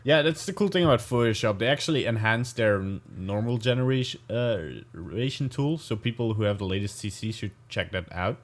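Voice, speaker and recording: Low-voiced Belgian man, easygoing podcast chat. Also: lively intonation, a little fast, hardly any pauses. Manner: easygoing, laughs often, hesitant with fillers. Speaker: podcast co-host. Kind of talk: casual chat.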